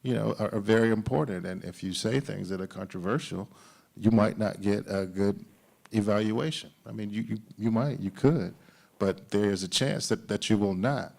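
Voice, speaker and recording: A man's voice: lowish voice, moderate pace, vocal fry, a little mellow. A man speaking earnestly on a discussion panel, emphatic and given to repeating his phrases. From United States.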